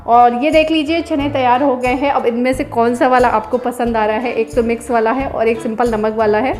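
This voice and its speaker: A woman's voice: a little high, fairly even intonation, a little fast, darkish tone, faint music behind. A woman in her thirties, a home vlogger chatting through a casual voice-over, explaining each step in a homely way.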